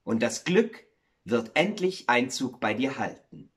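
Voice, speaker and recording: A soft-spoken water spirit woman from a storybook tale, as a male narrator puts her on. She coaxes in a low, hushed voice that keeps rising and falling in lively swings. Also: a little slow. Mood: coaxing.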